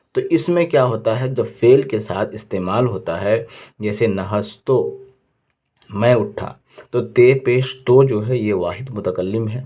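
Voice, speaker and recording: Low-voiced man patiently teaching grammar. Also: darkish tone. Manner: patient, repeats each word with its meaning, asks and answers his own questions. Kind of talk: classroom lesson explanation.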